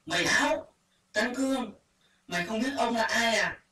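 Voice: mid-range voice, normal speed, sharp tone, voice pushed up, lightly acted. A storyteller voicing a flirtatious, bullying soldier, heard in an echoey room from a distance. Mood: threatening. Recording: echoey room, far from mic, faint hiss.

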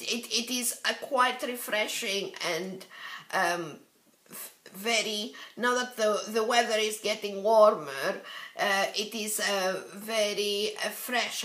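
Slow, hesitant woman vlogger in an echoey room. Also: a little high, bright, forceful tone. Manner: hesitant, many fillers and restarts. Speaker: beauty vlogger. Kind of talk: casual product review.

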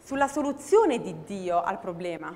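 A woman's voice: medium pitch, big pitch swings, normal speed, a little mellow. Woman, sermon interpreter, phrase-by-phrase, self-correcting, echoing hall. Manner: translates phrase by phrase, often correcting herself mid-phrase. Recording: long hall reverb.

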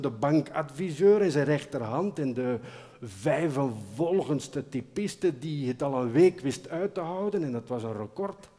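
A man narrating a story as a dramatic recitation at a live concert, slow and expressive, dropping to near-whispers and rising to loud outbursts. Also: medium pitch. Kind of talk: dramatic recitation over chamber music. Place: concert hall, live performance. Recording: live concert hall with long reverb.

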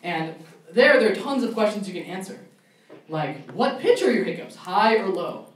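A man's voice: high-pitched, very animated, normal speed. A young man doing a stand-up comedy set at a college club show, ranting in mock outrage. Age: young adult. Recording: echoey room, mic far off, faint noise.

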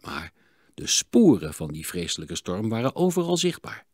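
A man narrating a children's audiobook in an expressive, dramatic reading. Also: fairly low pitch, normal speed, dry recording, clean studio sound. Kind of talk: storybook narration.

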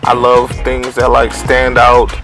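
A man from Cleveland in his thirties giving a relaxed, chatty closet-tour vlog narration at home. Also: mid-range voice, takes it slowly, over music. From Cleveland, Ohio. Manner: relaxed, chatty, uses lots of fillers like "so yeah" and "like". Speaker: family vlogger.

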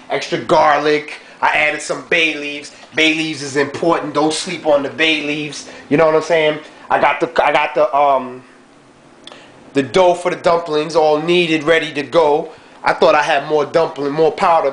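A young man with a fairly high voice vlogs about his home cooking from a dim kitchen. He keeps up laid-back slangy chatter, peppered with "you know what I'm saying," and is recorded on a close-held handheld camera mic.

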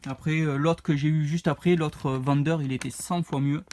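A man's voice: on the high side, fairly even intonation, normal speed, a little mellow. A man, casually showing off his retro game purchases, rambling and hesitant as he reads out prices. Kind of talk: casual unboxing vlog.

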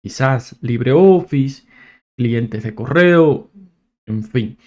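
A man giving a casual, screen-recorded software tutorial, thinking aloud and often restarting his words. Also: medium pitch, lively intonation, extremely slow. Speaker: tech tutorial presenter.

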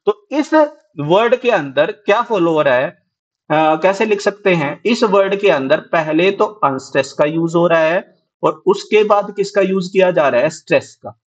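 High-voiced Hindi-speaking male teacher. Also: normal speed. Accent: Haryanvi Hindi. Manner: explains in Hindi mixed with English terms, asks and answers his own questions. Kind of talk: exam-prep lecture. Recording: dull lo-fi recording.

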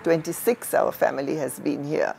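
A woman's voice: low voice, fairly even intonation, normal speed, vocal fry, darkish tone, slight background noise. A woman from Uganda, speaking emphatically in an office interview. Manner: emphatic, listing.

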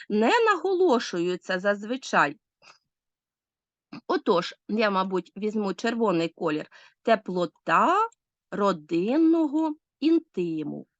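Lively Ukrainian woman teaching a class. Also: medium pitch, no room sound. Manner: explains step by step, addresses pupils directly. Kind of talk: literature lesson.

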